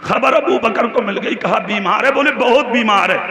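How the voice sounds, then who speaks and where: High, bright fiery preacher man, echoey. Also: moderate pace. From Moradabad, India. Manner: fiery, repeating refrains, often bursting into shouts; talks directly to the crowd, coaxing responses. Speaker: Islamic preacher. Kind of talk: impassioned sermon at a religious gathering. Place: religious gathering on a stage. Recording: echoey public-address sound at a gathering.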